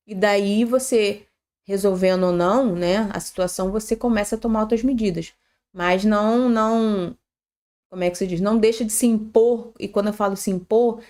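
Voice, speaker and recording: A woman's voice: medium pitch, darkish tone. A woman answering a question on a live stream with earnest, practical advice, dotting her sentences with "tá?" and "né?" and correcting herself as she goes. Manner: earnest and advisory, with frequent "tá?" and "né?" tags and self-corrections. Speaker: panelist on a live workplace-safety broadcast.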